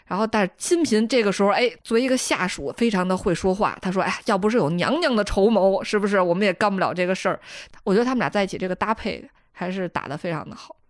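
A woman hosting a podcast, retelling a TV drama's plot in a casual, lively way and acting out the characters' lines with a northern style lilt. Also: medium pitch, fast talker, dry recording, clean studio sound. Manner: animated storyteller, acting out dialogue lines. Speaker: podcast host.

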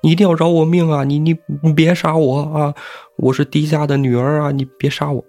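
A man's voice: a little high, flat delivery, a little fast, warm tone, voice pushed up, lightly acted. A man voicing a terrified young woman who pleads frantically and stammers. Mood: panicked pleading.

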